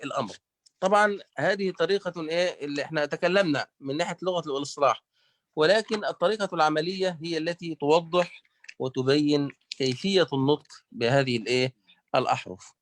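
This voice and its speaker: A man's voice: fairly high pitch, quick pace, a little hiss or hum. A man teaching Quran recitation, who leaves words unfinished for the listeners to fill in and drills each letter sound over and over. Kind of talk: online tajweed lesson.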